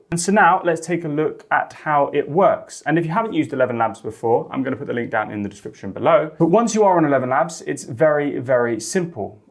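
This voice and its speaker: A man hosting a software tutorial, upbeat and chatty, explaining steps enthusiastically. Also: medium pitch. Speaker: host.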